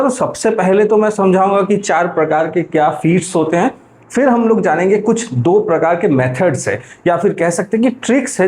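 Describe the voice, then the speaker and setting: A man with a fairly high voice leads an English literature lesson. He explains step by step and catches his own slips along the way. A faint noise sits under his voice. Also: darkish tone. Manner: self-correcting, repeats "ठीक है" often. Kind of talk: explanatory lecture.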